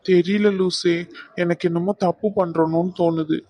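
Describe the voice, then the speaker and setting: A woman's voice: lowish voice, steady tone, moderate pace, dark tone, no room sound, lightly acted. A woman voicing a troubled young man in a cartoon, anxious and apologetic. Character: troubled young man torn between mother and love. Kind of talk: cartoon voice acting.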